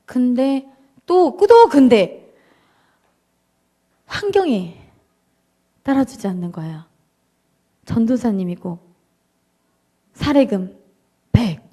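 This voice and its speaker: A woman giving an emotional, animated church testimony to a congregation, acting out her prayers and joking with the audience. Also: fairly high pitch, slow pace, pauses often. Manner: addresses the audience directly and jokingly. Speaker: guest speaker giving a personal testimony.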